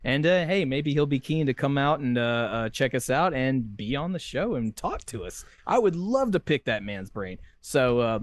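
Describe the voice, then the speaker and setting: A man's voice: medium pitch, sing-song, normal speed, few pauses, no room sound. A man co-hosting a podcast in casual chat, rambling with many fillers and restarts, joking and laughing as he goes. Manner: rambling, lots of fillers and self-corrections. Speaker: podcast co-host.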